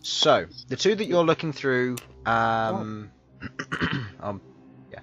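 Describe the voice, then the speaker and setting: A man running a tabletop game as game master, describing scenes slowly with many fillers and pauses. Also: medium pitch, lively intonation, fairly bright tone. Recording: dull lo-fi mic, faint music behind.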